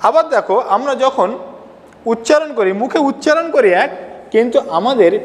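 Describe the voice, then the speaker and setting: A man's voice: extremely high pitch, animated, normal speed, long reverb tail. A male teacher giving a class lecture, explaining step by step and asking rhetorical questions.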